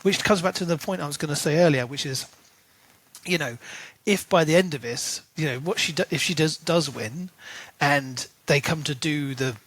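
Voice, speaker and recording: On a podcast, a man with a fairly high, breathy voice co-hosts a loose conversation about a book. He's animated and keeps slipping into quick asides where he performs the characters' lines. The audio quality is poor.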